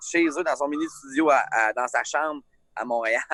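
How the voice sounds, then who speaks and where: Casual singer, male, strong Lac-Saint-Jean Quebec accent, loose and chatty, average pitch, close and dry. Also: normal speed, no echo. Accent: Lac-Saint-Jean Quebec French. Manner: relaxed, rambling storyteller. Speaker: singer, interview guest. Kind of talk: casual chat. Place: outdoors.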